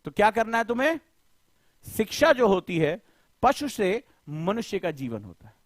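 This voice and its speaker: Man, middle-aged, live lecture, impassioned, rhetorical, high-pitched, dry recording. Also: very animated, moderate pace, dry recording. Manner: colloquial, addresses students directly. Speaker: coaching teacher.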